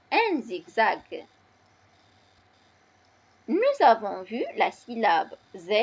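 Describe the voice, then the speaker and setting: Slow, deliberate woman teaching reading. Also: mid-range voice, husky. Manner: spells out letters and syllables slowly and deliberately. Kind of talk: slow reading lesson for children.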